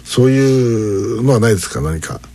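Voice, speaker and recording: A husky-voiced man from Kumamoto co-hosts a casual radio chat. He tells stories with a wry, deadpan touch and long, drawn-out pauses. His pitch swings widely up and down as he talks.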